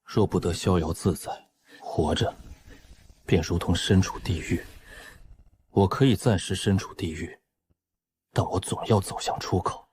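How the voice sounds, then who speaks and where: A man playing a calm, shrewd young cultivator hero who speaks in a reasoning way. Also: sits low, moderate pace, pauses often, slight background noise, lightly acted.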